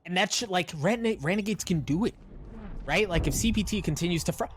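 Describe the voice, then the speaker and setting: A man's voice: sits high, expressive, fairly quick, slight background noise. A man working as an esports caster, giving live play-by-play commentary on a game as it unfolds. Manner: esports caster delivery, calling plays as they unfold.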